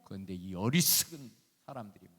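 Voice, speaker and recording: A man's voice: fairly low pitch, animated, brisk, a bit bright. An older male emeritus pastor, preaching a sermon in a folksy, emphatic way and firing off rhetorical questions, recorded in a church sanctuary. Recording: long church hall reverb.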